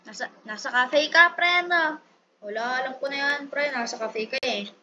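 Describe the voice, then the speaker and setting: High-voiced woman, playful game commentary. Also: moderate pace, sharp tone. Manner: playful, pleading and defensive, repeats herself. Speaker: gaming YouTuber. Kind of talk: casual gameplay commentary. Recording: dull lo-fi sound with clear background noise.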